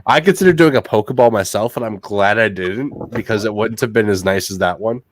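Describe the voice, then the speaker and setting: A man's voice: on the low side, brisk, crowd noise. A young man co-hosting a hobby podcast while sick, stammering a bit as he chats. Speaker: podcast co-host. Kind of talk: casual chat.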